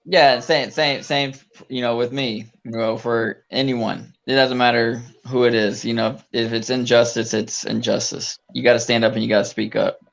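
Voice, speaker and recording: A man's voice: medium pitch, flat delivery, normal speed, creaky, hardly any pauses. A man speaking casually as a podcast guest, heard through a dull, lo-fi recording. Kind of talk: casual chat. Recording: dull lo-fi remote-sounding audio.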